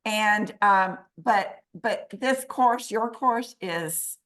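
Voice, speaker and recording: A woman's voice: mid-range voice, very slow, fairly bright tone. A woman graduate giving a grateful, hesitant thank-you speech on a video call. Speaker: graduating health coach student.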